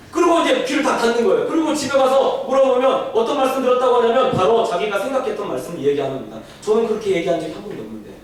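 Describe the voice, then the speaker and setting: A man's voice: very high voice, fast. A man preaching a sermon as pastor, telling stories and asking rhetorical questions. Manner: storytelling, rhetorical questions, animated. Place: church sanctuary. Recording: echoey hall, distant mic, faint noise.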